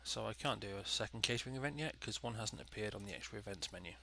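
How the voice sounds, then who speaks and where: A man narrates his gaming casually, rambling through his choices as he thinks aloud. His voice is on the low side with a bright, forward edge, thick and nasal from a head cold. There is noticeable noise behind him. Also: quick pace, vocal fry. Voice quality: nasal, congested. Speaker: gaming video host. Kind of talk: casual let's play commentary.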